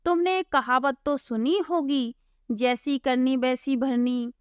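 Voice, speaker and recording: A sly, scheming young man of a storybook who feigns friendship and talks smugly, as a woman voices him. The voice runs high and slow. It sounds dry and close. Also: steady tone, clean tone, dry recording. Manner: smug, mock-innocent.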